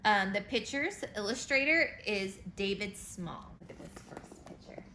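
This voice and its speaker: A woman teacher reads a picture book aloud to children in an expressive, medium-pitched voice. She breaks off for simple explanations and questions aimed at her young listeners. The room echoes, with faint background noise.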